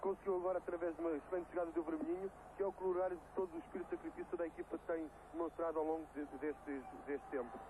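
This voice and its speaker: A man's voice: fairly high pitch, steady tone, racing. A man with a European Portuguese accent giving unscripted match analysis as co-commentator on a noisy old broadcast. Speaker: football co-commentator. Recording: noisy old broadcast over stadium ambience.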